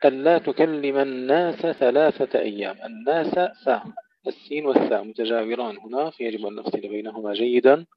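A man's voice: mid-range voice, no room sound. Man teaching Quran recitation, lo-fi sound. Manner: slow melodic recitation alternating with brisk explanation. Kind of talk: tajweed lesson with recitation.

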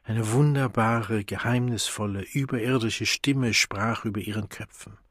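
A male audiobook narrator who reads at a slow, deliberate pace. His voice is somewhat husky, and he gives a dramatic reading that moves between hushed and loud passages. The recording is dry and close to the mic. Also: fairly low pitch, dry recording. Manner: dramatic reading with wide swings in loudness. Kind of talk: scripted narration.

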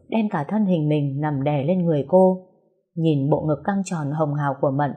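A woman narrating an audio story in a calm, even manner. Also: low voice, breathy edge.

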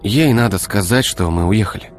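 A man voicing a brash young man who talks in a brisk, teasing way. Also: lowish voice, faint music behind, pitched above the performer's own voice, close to an everyday voice. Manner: brisk, teasing, sometimes syrupy.

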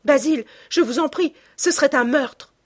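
A woman's voice: mid-range voice, a little slow, slightly rough. A woman voicing an anguished young man obsessed with his youth, pleading and tearful, in an audiobook reading.

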